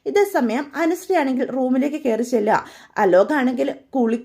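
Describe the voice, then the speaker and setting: A woman narrates a serial in a relaxed, conversational way, her voice sitting high. She slips in and out of the characters' lines with lively shifts in pitch and loudness. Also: normal speed, creaky. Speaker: storyteller retelling a serial. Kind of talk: casual spoken story retelling.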